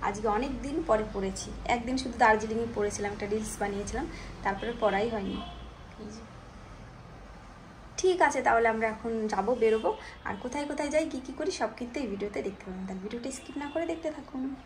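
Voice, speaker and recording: A woman's voice: on the high side, a little fast, slight background noise. A middle-aged woman, chatting casually to viewers while she cooks in her kitchen. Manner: chatty, talks to viewers directly. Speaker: vlogger. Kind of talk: casual home vlog narration. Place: home kitchen.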